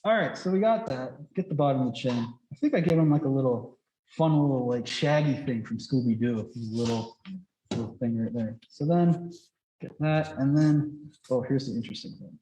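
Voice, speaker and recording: A man's voice: mid-range voice, moderate pace, dark tone. Chatty man through a face mask, roomy echo. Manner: rambling, chatty, frequent "like" filler. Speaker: drawing instructor. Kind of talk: casual thinking-aloud drawing demonstration. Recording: echoey, roomy sound.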